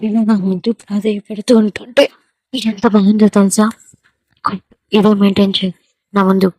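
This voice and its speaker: A woman's voice: mid-range voice, level tone, moderate pace, warm tone, no room sound, lightly acted. A woman voicing a harsh, scornful young man in a spoken story. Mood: mocking. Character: young man, angry and taunting.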